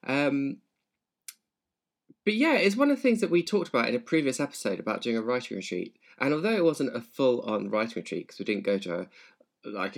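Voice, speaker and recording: Lively, sing-song male podcast host. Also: fairly low pitch. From England. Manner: upbeat presenter, drawn-out phrasing. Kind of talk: casual chat.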